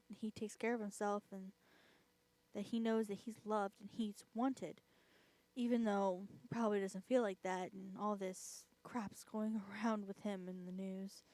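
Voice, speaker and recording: A woman's voice: medium pitch, darkish tone, no room sound. A woman vlogger chatting casually, rambling and filling her talk with "I mean" and self-mocking laughs. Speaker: vlogger and host. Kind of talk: casual chat.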